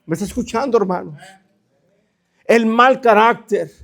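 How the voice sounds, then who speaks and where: Male pastor, high voice, fervent sermon style, keeps addressing the flock. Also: measured pace, gravelly, fairly bright tone. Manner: fervent preaching, constantly addressing the congregation as brothers.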